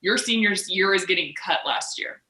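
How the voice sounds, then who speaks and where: A woman's voice: mid-range voice, moderate pace, bright, forceful tone, roomy sound, low-quality recording. A woman hosting a podcast, asking questions in a casual sports interview style.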